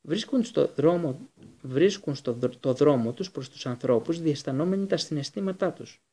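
A man's voice: on the high side, lively intonation, mellow. A man voicing a bitter escaped male prisoner in an audiobook reading, fierce and accusing in delivery. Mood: reflective.

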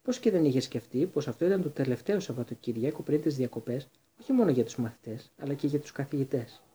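A man reads a storybook aloud as narrator, measured and drawing out the suspense. His voice is dark and mellow, with a husky, slightly breathy grain. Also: medium pitch, expressive. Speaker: audiobook narrator.

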